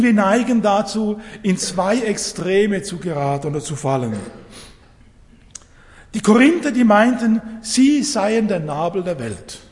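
A man preaching a sermon, emphatic, asking rhetorical questions and dropping low and quiet for solemn points. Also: in a large hall.

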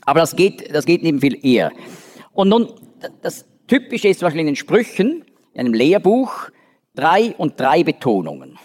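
A man's voice: fairly high pitch, sing-song, normal speed, darkish tone. A man giving a Bible study lecture, explaining step by step with frequent restarts and fillers. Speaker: Bible teacher. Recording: long reverb of a large hall.

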